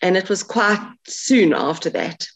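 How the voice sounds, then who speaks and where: A woman's voice: medium pitch, lively intonation, unhurried, rough recording. A woman interviewing an author about her book. She asks thoughtful, earnest questions and often restarts her sentences.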